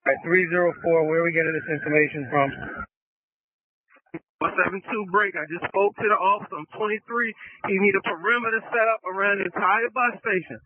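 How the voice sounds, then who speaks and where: A man's voice: high voice, a little fast, no room sound. Man giving terse orders over police radio. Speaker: police officer. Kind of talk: radio instructions in the field. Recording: tinny dry radio transmission.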